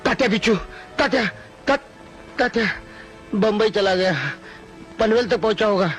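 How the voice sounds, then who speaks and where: A simple-minded young villager who begs and repeats himself in a panic. The voice is very high and sharp, over faint film music. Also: male voice, animated, a little fast, heavily acted. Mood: rambling. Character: frantic, simple-minded young village man accused of murder. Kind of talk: dubbed film acting.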